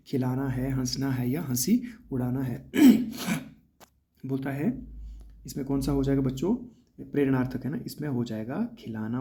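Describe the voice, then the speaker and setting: Guy tutoring for an exam, mellow tone, asks then answers his own questions. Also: mid-range voice. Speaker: teacher. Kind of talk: exam prep lesson.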